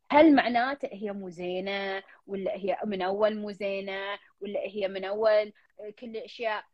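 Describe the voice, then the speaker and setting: Heard in a dull, lo-fi, dry recording with no echo, a medium-pitched woman with a Gulf Arabic accent hosts a counseling call-in. She talks to the caller earnestly and repetitively, mixing in English fillers.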